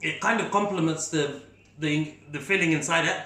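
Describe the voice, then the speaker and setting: Bright-voiced man reviewing food, echoey. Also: fairly high pitch, normal speed. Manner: enthusiastic, talks while chewing. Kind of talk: casual food tasting commentary. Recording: echoey room.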